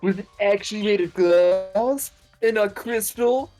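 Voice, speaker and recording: Woman voicing a young stoner surfer dude, slow and spaced-out drawl, faint music underneath. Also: medium pitch, mellow, close to an everyday voice. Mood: rambling. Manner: drawling, peppered with bro and dude.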